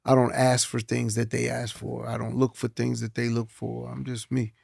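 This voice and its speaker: A man in his fifties speaks in a gravelly, fry-edged voice. He talks earnestly and reflects as he goes, repeating words while he thinks. The sound is dry and close. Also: medium pitch, completely flat delivery, normal speed, darkish tone, no room sound. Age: 50s. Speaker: guest, film producer. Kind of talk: casual chat.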